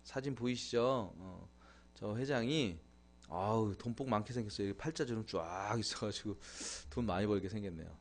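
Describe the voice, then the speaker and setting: A man's voice: lowish voice, normal speed. A man hosting a live internet broadcast in a chatty, casual way, laughing and thanking viewers. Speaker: live-stream host. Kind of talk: casual live-stream talk.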